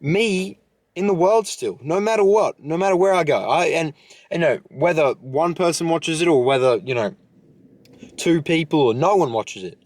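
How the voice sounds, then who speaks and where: A young man hosting his own podcast, talking himself into a fired-up rant with fillers and restarts all the way through. His voice sits a little high for a man. The sound is dry and close to the mic, with no room around it. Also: moderate pace, a little mellow, no room sound. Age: young adult. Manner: fired-up, rambling, lots of fillers. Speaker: podcast host. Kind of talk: solo podcast monologue.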